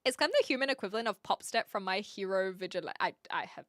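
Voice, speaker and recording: Here a mid-pitched, fast-talking woman with a slightly bright voice works through viewer comments on a casual livestream. Hailing from Hamilton, New Zealand, she has a mild accent and a playful, self-mocking manner, captured in studio quality with no echo.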